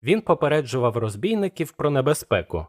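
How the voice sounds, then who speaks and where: Male audiobook narrator, mid pitch, steady and measured.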